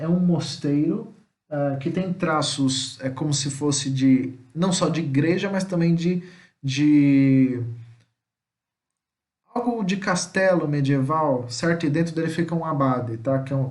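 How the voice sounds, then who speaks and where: A Brazilian man teaching Spanish vocabulary to students. He speaks Portuguese, repeats each word slowly and keeps checking in with "tá?". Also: fairly high pitch, echoey room. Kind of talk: recorded vocabulary lesson.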